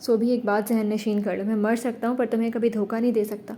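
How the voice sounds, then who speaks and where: Woman voicing devoted young man, gentle, coaxing, mellow, rather high. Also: flat delivery, natural voice. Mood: tender.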